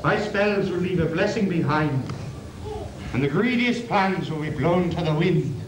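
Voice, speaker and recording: A man's voice: a little high, animated, measured pace. A man playing a grand, wry dream spirit in a community pantomime, with declamatory theatrical delivery. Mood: grand, incantatory. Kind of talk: community pantomime stage acting. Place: on stage in a school hall. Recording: noisy, echoey 1980s school hall video.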